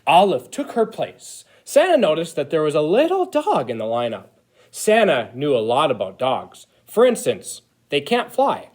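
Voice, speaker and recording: A man playing an eager, childlike Christmas elf who reads a picture book to children in an expressive, exaggerated way. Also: on the high side, moderate pace. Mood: eager storytelling. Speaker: storyteller reading to children. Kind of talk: animated picture-book read-aloud.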